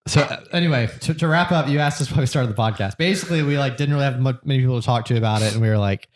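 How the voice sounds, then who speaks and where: This podcast co-host, a man in his twenties from Georgia in the American South, speaks very fast in a mid-range voice. Telling a long story on a casual show, he fills it with fillers and restarts.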